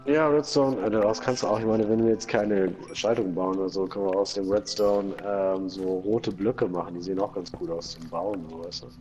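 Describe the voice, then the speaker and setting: A man chatting easily while playing a game, slangy and quick to cheer his finds. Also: sits low, fairly even intonation, darkish tone, faint music behind. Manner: easygoing, slangy, exclaims over finds. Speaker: Let's Play commentator. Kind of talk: casual gaming chat.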